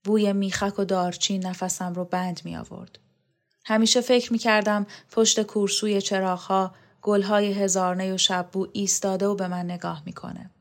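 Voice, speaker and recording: Woman voicing a dreamy, devoted man reminiscing in an audiobook; soft and hushed. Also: mid-range voice, little pitch movement, lightly acted. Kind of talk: audiobook character reading.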